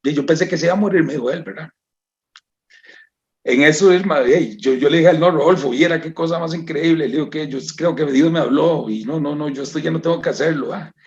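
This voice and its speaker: A man's voice: on the high side, fairly quick, a little mellow, highs cut off. A man with a Costa Rican accent giving an emotional personal testimony to a church congregation, often calling out to his brothers and sisters. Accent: Costa Rican Spanish. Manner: emotional, repeats "hermanos" and "¿verdad?".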